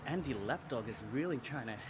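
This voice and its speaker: An Australian man in his thirties rides an indoor trainer at home and chats casually on a live stream, slightly winded. His medium-pitched voice is expressive and brisk, and the recording is very noisy.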